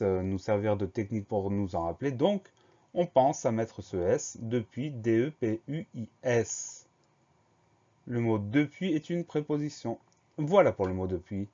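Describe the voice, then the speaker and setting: Man, spelling lesson, methodical teacher, mellow tone, muffled lo-fi sound. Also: medium pitch. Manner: slow, methodical, spells words letter by letter. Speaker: French teacher.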